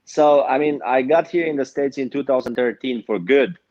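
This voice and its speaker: A man's voice: medium pitch, moderate pace, darkish tone, no echo. Hesitant Romanian-accented man. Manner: hesitant, many filler sounds. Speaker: guest, pickleball pro. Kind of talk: casual interview chat. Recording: dull, dry lo-fi sound.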